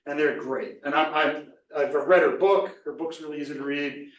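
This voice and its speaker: A man's voice: on the high side, fairly even intonation, normal speed, a bit bright. A man leading a workshop on presentation skills, talking casually and loosely with many fillers and restarts. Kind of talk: casual live workshop talk. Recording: echoey room from far off.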